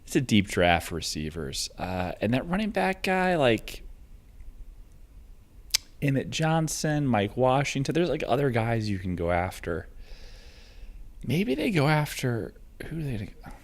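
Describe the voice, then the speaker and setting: A man's voice: mid-range voice, very animated, measured pace, pauses often. A man ranting casually on a livestream, rambling and swearing with lots of fillers. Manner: rambling and profane, with frequent fillers.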